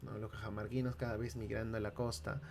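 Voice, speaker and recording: Male teacher from Peru, gravelly voice, chatty lecture, faint hum in the background. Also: on the low side, level tone, fast. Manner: asks himself questions as a student and answers them; thinks aloud with many fillers and restarts. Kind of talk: lecture video.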